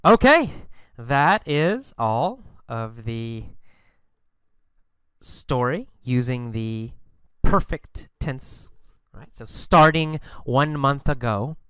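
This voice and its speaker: A man teaching an English lesson, telling a short story and then explaining it slowly and carefully. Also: medium pitch, a bit bright, clear, resonant tone, no echo. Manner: slow, careful, explanatory delivery. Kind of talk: scripted English lesson narration.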